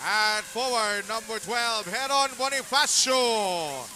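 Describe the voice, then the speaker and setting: A man's voice: very high voice, takes it slowly. A man with a Filipino accent announcing sports line-ups in an arena, drawing out names with emphatic hype. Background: loud music.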